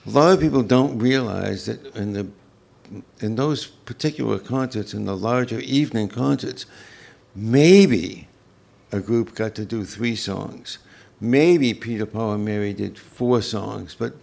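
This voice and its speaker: An older man telling unscripted recollections as an interview guest, in a halting, reflective way. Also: lowish voice, creaky, a little mellow. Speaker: interview guest, former folk festival organizer. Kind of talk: unscripted reminiscence.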